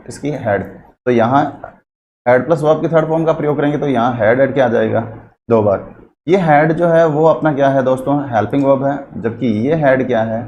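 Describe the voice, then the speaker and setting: A man teaching an English grammar class in Hindi. He mixes in English terms, spells out words slowly as he writes, and keeps asking the class questions that he answers himself. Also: on the high side, a little mellow, a little hiss or hum.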